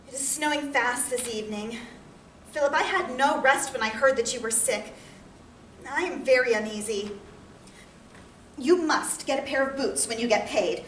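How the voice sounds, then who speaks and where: An actress portrays a loving, anxious 1860s farm wife, speaking her letters to her husband as an emotive stage monologue in plain, old-fashioned rural phrasing. Her voice sits high, and she sounds worried and tender. The recording is roomy and distant-miked, with background noise.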